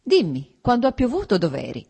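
A woman reading aloud, voicing a fastidious older male intellectual who fusses but is fond of his brother. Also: mid-range voice, wildly swooping pitch, vocal fry, mellow, slightly rough, voice pushed up, heavily acted. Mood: fussy.

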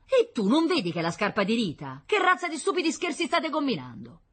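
A woman voicing an indignant middle-aged wife who scolds in a shrill voice. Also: huge pitch swings, brisk, a bit bright, husky, heavily acted.

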